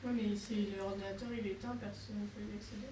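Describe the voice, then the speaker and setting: A woman's voice: medium pitch, steady tone, fast, mellow, muffled recording. Distant French woman asking from the audience. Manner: brief, checks her understanding. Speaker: audience member. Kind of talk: questions from the audience. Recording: distant, echoey room mic with noise.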